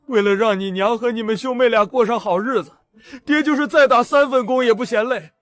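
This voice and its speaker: High-pitched, placating village father. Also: fairly quick, a bit bright, dry recording. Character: placating, henpecked village father, anxious and devoted. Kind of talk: comic costume drama dialogue.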